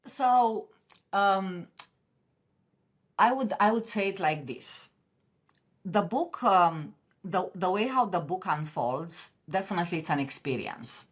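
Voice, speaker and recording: Speaking slowly in a fairly low, expressive voice, a Romanian-accented woman talks passionately and earnestly as a podcast interview guest. She frequently starts her sentences over.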